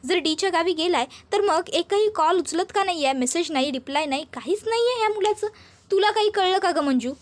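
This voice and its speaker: A woman voicing a spoiled, frantic young woman who fires off shrill, demanding questions. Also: animated, fairly quick. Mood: anxious.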